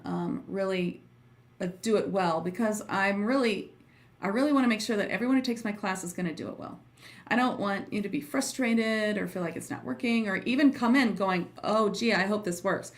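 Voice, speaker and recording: A woman talks casually to her livestream viewers as their teacher and host. Her voice sits at an average pitch for a woman, and her manner is informal, effusive and prone to giggles. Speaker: host and trance channeling teacher.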